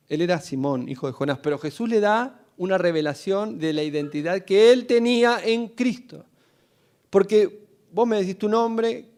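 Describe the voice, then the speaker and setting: A male pastor with a Rioplatense Spanish accent delivers a lively sermon. His voice sits a little high for a man, and he mixes stories and questions with calls for the congregation to repeat after him.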